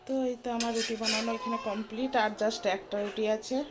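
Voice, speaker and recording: A chatty woman in her thirties talks through her day in a casual home vlog, her words full of little fillers. She often keeps her voice low indoors. Household noise comes through clearly behind her. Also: little pitch movement, fast. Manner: chatty, filler-heavy, talks softly at times so the baby keeps sleeping. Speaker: vlogger and mother.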